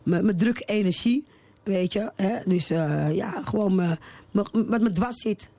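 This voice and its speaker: A woman's voice: mid-range voice, measured pace, dark tone, no room sound. A woman in her forties, a singer being interviewed on the radio, talking in a hesitant, chatty way full of fillers and restarts. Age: 40s. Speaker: singer guest.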